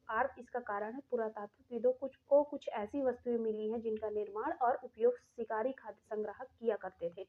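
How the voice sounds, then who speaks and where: A woman teaching an exam-prep lesson, reading out questions and explaining each answer step by step to her students. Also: on the high side. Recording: tinny phone-like sound.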